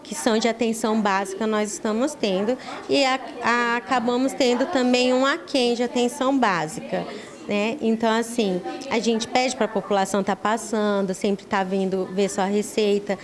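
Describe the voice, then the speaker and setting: In a small, busy pharmacy office indoors, with room chatter in the background, a middle-aged woman with a Brazilian accent gives an explanatory interview answer as a municipal pharmacy staff spokesperson. Her voice is on the high side, with fairly even intonation and a moderate pace, and she sometimes repeats words; a handheld reporter's microphone picks her up.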